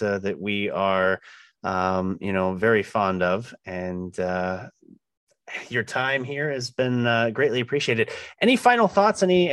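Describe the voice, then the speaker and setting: A man's voice: mid-range voice, a bit bright, no echo. A man hosting an interview for a flight instructor group, asking curious questions and thanking his guest, with frequent fillers. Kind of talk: conversational interview.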